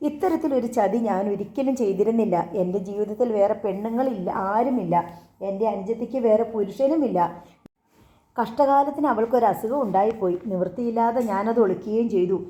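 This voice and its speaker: A woman's voice: a little high, a little fast, warm tone, echoey room, natural voice. A woman voicing a bitter, wounded husband who speaks with sarcastic reproach, in a storybook reading.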